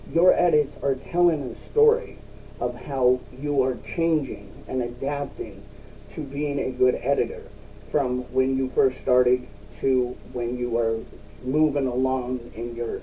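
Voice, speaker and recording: A man giving a casual, rambling solo vlog talk with chewing tobacco packed in his lip, using repetitive, emphatic phrasing. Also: mellow. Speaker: video blogger. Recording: distant mic, faint rumbling background noise.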